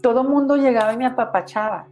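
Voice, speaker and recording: A woman's voice: on the high side, fast talker, darkish tone, soft background music. A woman with a Mexican accent, a guest in an interview, telling her personal story in an earnest, reflective way with many fillers. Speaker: guest, cancer survivor and author.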